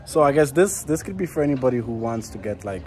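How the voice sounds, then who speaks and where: This twenty-something travel vlogger chats to his handheld camera as he walks a busy street, his mid-range, darkish voice quick and sing-song. He rambles, restarting sentences and leaning on fillers, while city traffic roars around him.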